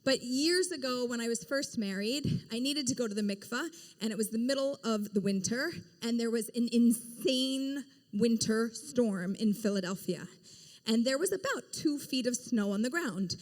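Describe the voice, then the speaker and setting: A woman speaking at a live event, telling a lively story to the crowd and playfully quizzing the audience. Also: on the high side, moderate pace. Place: large event hall. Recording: echoey hall sound.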